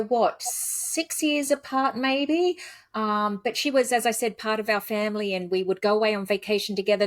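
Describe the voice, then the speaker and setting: Casting: chatty woman host, mid pitch, dry close recording. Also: no echo. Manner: chatty, laughs often, animated when quoting herself. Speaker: podcast host. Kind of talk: casual interview chat.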